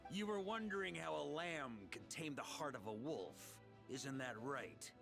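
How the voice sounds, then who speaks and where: Earnest game knight, lively pitch, confident, bold, music behind. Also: male voice, a little slow, gravelly. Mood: resolute. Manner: confident, expressive, rising to loud calls. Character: resolute male knight, brave and earnest. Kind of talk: video game voice acting.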